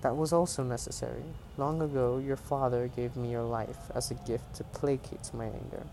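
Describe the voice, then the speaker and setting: A man reading aloud, voicing an imprisoned female goddess who is commanding and ominous, in his own voice, low, measured and stern. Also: steady tone, noisy background, lightly acted.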